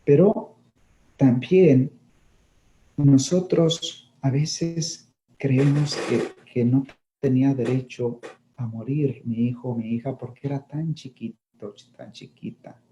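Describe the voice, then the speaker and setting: Middle-aged male priest, very warm dark timbre; reflective conversational homily. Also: mid-range voice, slow pace. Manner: reflective, often checks in with listeners with tag questions. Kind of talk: conversational talk on grief.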